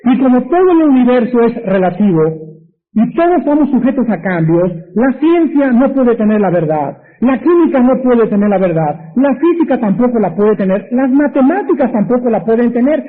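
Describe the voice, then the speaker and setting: A man's voice: very high voice, sing-song, moderate pace. A man with a Mexican accent preaching a sermon, pressing his points emphatically and asking rhetorical questions. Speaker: pastor. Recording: tinny lo-fi phone-like sound.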